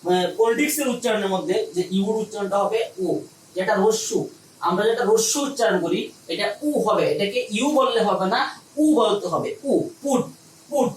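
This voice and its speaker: Male teacher, quick drilling delivery that answers its own questions, recorded a little off-mic in a roomy space. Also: high-pitched, a bit bright, distant mic. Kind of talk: recorded online lesson. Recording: echoey room, a little off-mic, faint hum.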